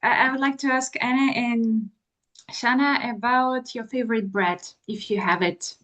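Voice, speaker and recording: A woman with a high voice joins a group video chat. She asks her question politely and carefully. She rephrases as she goes. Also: fairly even intonation, normal speed, fairly bright tone. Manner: polite, careful, restarts phrases.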